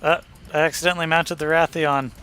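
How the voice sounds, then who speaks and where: A young man plays a co-op game with friends over voice chat and drops dry, wry remarks about the action. His voice is bright and a little high. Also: level tone, a little fast, smooth. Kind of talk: casual co-op gaming chat.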